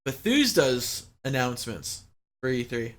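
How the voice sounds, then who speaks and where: A man's voice: mid-range voice, big pitch swings, unhurried, fairly bright tone. A man co-hosting a casual gaming podcast, laid-back and blunt, with casual swearing. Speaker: podcast co-host. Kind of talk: casual chat about games.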